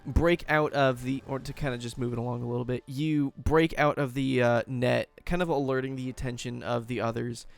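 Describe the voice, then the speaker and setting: A man's voice: mid-range voice, fairly even intonation, brisk, creaky, hardly any pauses. A man narrating a tabletop game as game master, loose and full of fillers.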